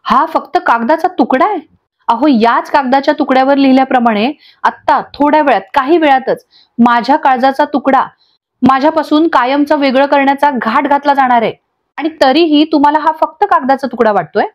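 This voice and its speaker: A woman's voice: sits high, fairly quick, dull audio, natural voice. A woman voicing a distraught young wife who pleads and accuses through tears in a storybook recap. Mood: tearful, angry. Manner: pleading, accusing, breaking into sobs.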